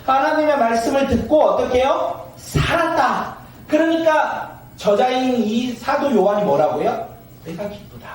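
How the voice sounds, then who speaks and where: At a moderate pace and with lively intonation, a very high-voiced man gives a sermon as pastor in a church sanctuary, recorded distantly in an echoey hall. He puts questions to his congregation, waits for responses, and laughs while acting out everyday scenes.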